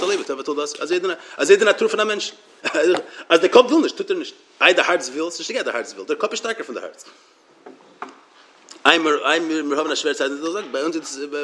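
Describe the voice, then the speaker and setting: Fast, halting man. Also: fairly high pitch, a bit bright, a little hiss or hum. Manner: halting, repeats words and restarts. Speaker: religious teacher. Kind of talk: Torah lecture.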